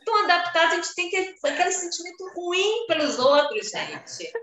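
A woman with a Carioca accent from Rio, chatting casually as podcast co-host and telling stories with lively swings in pitch. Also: normal speed, reverberant, crowd noise. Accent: Carioca Brazilian Portuguese. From Rio de Janeiro, Brazil. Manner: animated, swooping pitch when telling stories. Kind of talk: casual chat.

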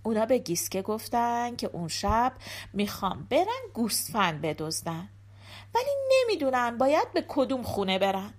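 A woman reading a folk tale aloud with expressive, animated delivery. Her voice sits high and swoops widely as she moves the story along. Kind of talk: scripted narration of a folk tale.

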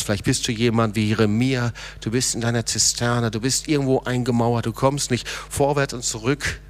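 A middle-aged man preaching a sermon, moving between quiet low passages and raised, urgent calls. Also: a little hiss or hum.

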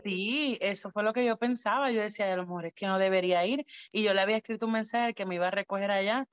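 A woman in casual chat, telling a story with animated restarts. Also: mid-range voice, quick pace, clear, resonant tone, highs cut off.

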